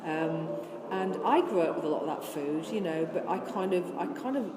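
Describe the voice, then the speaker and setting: With music in the background, an older woman from Scotland, her accent now gone, speaks at a moderate pace in a fairly low, lively voice. She works for a vegan charity and answers interview questions chattily and earnestly, listing things and restarting often, in a noisy, echoing room.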